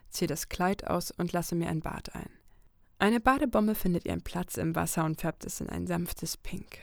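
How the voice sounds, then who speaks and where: Woman narrating a story, gravelly edge. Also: fairly low pitch. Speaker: audiobook narrator. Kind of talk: first-person story narration.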